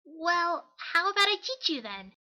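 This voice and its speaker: In a fan audio drama, a woman plays a brash, self-assured young female pegasus pony, cocky, casual and full of energy. Her voice is very high and unhurried, heavily acted, with a friendly, eager mood, and the microphone sounds slightly dull.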